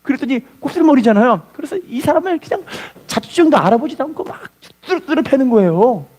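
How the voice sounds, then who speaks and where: A man preaching a sermon as a pastor, telling a story with lively call-and-response. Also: very high voice, quick pace.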